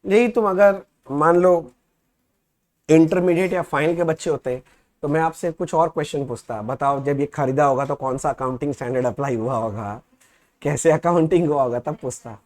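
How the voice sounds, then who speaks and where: A man teaching accounting in a casual classroom lecture, chatting. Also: on the high side. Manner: conversational, reads questions aloud slowly and loudly.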